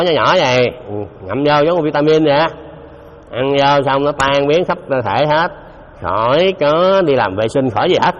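A man's voice: fairly high pitch, slight background noise. Man preaching in a hall. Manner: conversational, keeps quizzing listeners with questions. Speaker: Buddhist dharma teacher. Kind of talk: dharma talk to a live audience. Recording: dull lo-fi recording in a reverberant hall.

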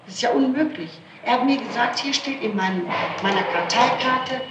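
A woman with a higher-pitched voice speaks at a moderate pace while being interrogated by police as a suspect, defending herself insistently and saying the same things again. The archival 1960s tape, recorded in an echoey room, sounds noisy and roomy.

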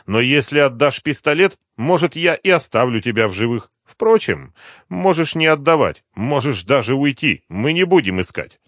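Male reader doing the general: older, scheming, smirking and hoarse, voiced high and lively for an audiobook. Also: moderate pace, no echo, clean studio sound. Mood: mocking. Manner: smirking, taunting.

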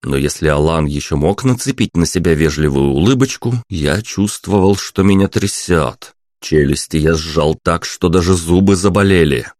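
A male narrator reading a story aloud in a steady, measured way. His voice sits very low and deep, and the recording is close and completely dry with no room sound. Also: dry recording. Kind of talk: audiobook narration.

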